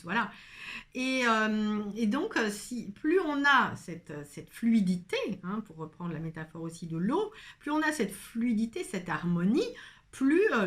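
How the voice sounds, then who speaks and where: Reflective woman voice coach, many pauses. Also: fairly low pitch. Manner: meandering, many hesitations and fillers; soft, reflective and earnest. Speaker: voice and singing coach. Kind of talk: casual spoken video monologue.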